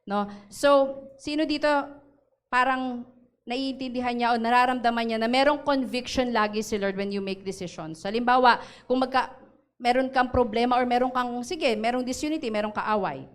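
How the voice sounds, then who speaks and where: A woman pastor preaching at a church service, with a voice set a little high. Her tone is smooth and resonant. She keeps checking in with the congregation through quick tag questions and easy laughs, sliding between Tagalog and English. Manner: switches between Tagalog and English mid-sentence. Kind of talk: sermon.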